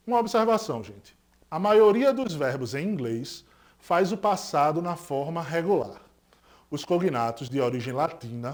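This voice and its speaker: A male English teacher with a Pernambuco Brazilian Portuguese accent gives a recorded lesson, asking students questions and confirming each point. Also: fairly high pitch. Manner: didactic, asks students rhetorical questions and confirms with "certo?"; stresses English example words more loudly.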